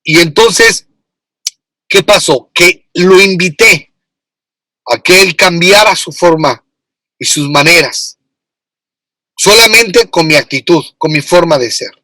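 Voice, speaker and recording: A man's voice: high voice, takes it slowly, pauses often, sharp tone, dry recording. A man from Mexico with a Mexican accent, preaching a sermon as pastor, with emphatic repetition. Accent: Mexican Spanish.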